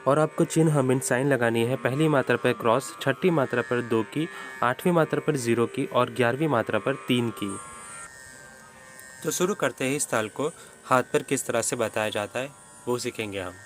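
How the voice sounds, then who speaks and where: A man teaching a step-by-step rhythm lesson, patiently counting beats and reciting the syllables of each one. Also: mid-range voice. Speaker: music teacher.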